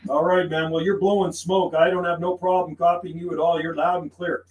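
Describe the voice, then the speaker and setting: This man speaks fairly quickly in a fairly high voice that barely moves in pitch. He's casually playing a CB radio operator on a livestream, folksy, repetitive, and heavy on radio slang, in a roomy recording with faint background noise.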